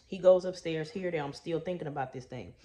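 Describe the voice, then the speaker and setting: A woman's voice: low-pitched, brisk, mellow. A middle-aged woman from Texas, a trauma coach, chatting folksy to her viewers in a story-time vlog and calling them y'all and baby. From Houston, Texas.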